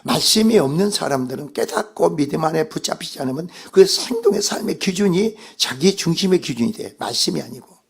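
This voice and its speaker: A man's voice: on the high side, animated, fairly quick, gravelly, hardly any pauses, slightly rough. A male pastor delivering a Sunday sermon, emphatic and putting rhetorical questions to the congregation.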